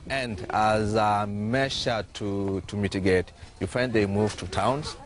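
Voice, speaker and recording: Low-pitched Kenyan man explaining. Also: steady tone, takes it slowly. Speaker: government health worker being interviewed. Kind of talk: on-location interview, explaining.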